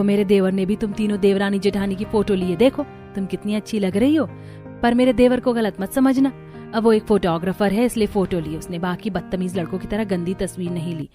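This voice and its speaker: A woman's voice: medium pitch, warm tone, close to an everyday voice. A woman voicing a chatty village neighbour in a cartoon, confiding and gossipy. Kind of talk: cartoon dubbing.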